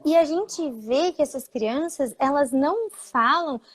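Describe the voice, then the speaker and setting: A woman's voice: sits high, animated, measured pace. A woman speech therapist, explaining patiently in a live talk, with frequent fillers.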